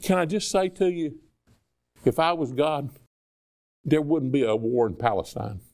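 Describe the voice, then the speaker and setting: A man delivers a sermon in a loose, conversational way, tossing rhetorical questions at his listeners. His voice sits a little high and carries a gravelly edge. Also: measured pace, darkish tone. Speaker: preacher.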